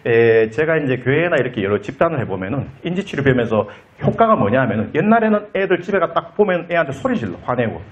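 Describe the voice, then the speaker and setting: Animated man giving a counseling lecture. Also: on the high side, highs cut off. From South Korea. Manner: animated, acts out quoted lines in shifting voices. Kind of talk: academic conference lecture. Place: lecture hall.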